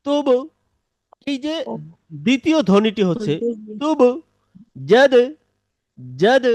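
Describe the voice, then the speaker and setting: Male recitation teacher, high voice, patient step-by-step explainer, dry close sound, Bangladeshi Bengali accent. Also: no room sound. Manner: patient, explains step by step and drills examples slowly. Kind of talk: live online tajweed lesson.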